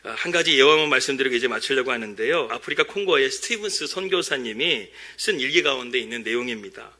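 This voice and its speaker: A man preaching a Sunday sermon as pastor, earnest and steady, acting out quoted lines in a slower voice. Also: medium pitch. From South Korea. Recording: church service recording.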